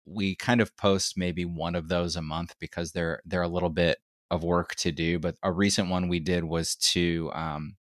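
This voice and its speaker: Deep, gravelly man in casual interview. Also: flat delivery, normal speed, hardly any pauses, no room sound, studio quality. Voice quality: gravelly, rough whiskey voice. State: slightly hoarse from much talking. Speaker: podcast guest, retail research lead.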